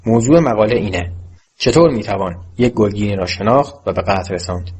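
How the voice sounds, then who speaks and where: A man's voice: lowish voice, a little mellow, slightly rough. Man reading as a cold, stern schoolteacher. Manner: cold, commanding. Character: stern, spiteful male schoolteacher. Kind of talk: audiobook character voice.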